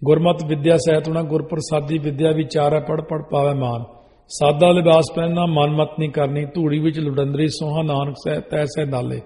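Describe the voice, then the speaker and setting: In a religious sermon about wedding rites, a male Sikh preacher instructs his listeners rule by rule and recites scripture in a chanting cadence. He sounds a little high and mellow, brisk and flat, in a big-room acoustic.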